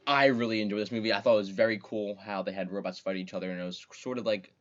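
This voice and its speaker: A young man co-hosting a casual chat, animated as he reads out movie titles. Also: fairly low pitch, fast, lo-fi sound. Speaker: podcast co-host.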